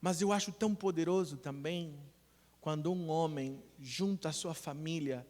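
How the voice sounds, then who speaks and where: A man preaches a sermon in a high voice, earnest and storytelling, often voicing the people in his stories. The sound has the long ringing reverb of a church hall. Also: moderate pace. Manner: earnest preaching with retold dialogue, rising to loud emphasis. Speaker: pastor.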